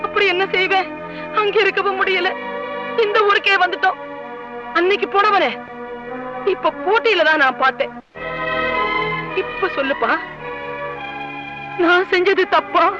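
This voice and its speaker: A woman's voice: extremely high pitch, normal speed, pauses often. An actress playing a middle-aged mother, wronged and stubborn, speaking with emotion in a 1980s film drama. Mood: sorrowful. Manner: pleading then defiant, emotional. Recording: lo-fi film soundtrack with music.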